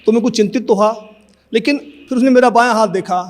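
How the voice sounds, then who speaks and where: High-voiced man in his fifties. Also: fast. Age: 50s. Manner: earnest storytelling, acts out remembered dialogue. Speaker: devotee giving testimony. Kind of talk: personal testimony in an interview.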